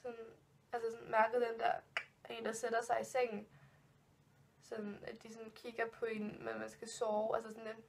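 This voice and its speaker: A woman's voice: fairly high pitch, monotone, vocal fry. Rambling young woman telling spooky stories. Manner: rambling, many fillers and restarts; spooked, nervous giggles. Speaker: vlogger. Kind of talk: casual storytime vlog.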